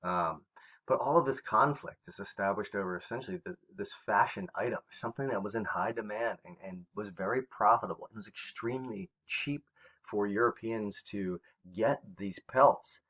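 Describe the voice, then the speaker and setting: Male teacher, fairly low voice, recorded online lesson, loose talk with ums and restarts. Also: normal speed, a bit bright, poor audio. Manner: conversational, with fillers and self-corrections.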